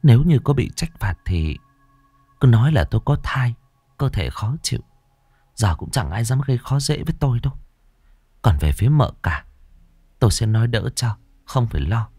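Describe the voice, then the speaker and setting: A man's voice: mid-range voice, very animated, moderate pace, pauses often, mellow, slightly rough, no echo, pitched above the performer's own voice. A man voicing a pregnant young noblewoman in an audio story, who speaks in a curt, insistent way.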